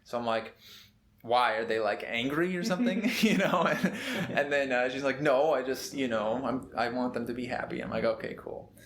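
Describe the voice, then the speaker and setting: A man's voice: mid-range voice, moderate pace, crowd noise. Laid-back young man telling a story. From Minnesota. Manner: laid-back, rambling with many fillers and laughs. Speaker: medical student, podcast co-host. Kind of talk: casual storytelling chat. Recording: echoey room.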